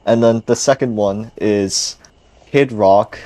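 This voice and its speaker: A podcast co-host, animated and joking, who swears for emphasis. His voice sits low, and the sound is dry and close. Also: slow pace, no room sound. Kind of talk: casual podcast chat.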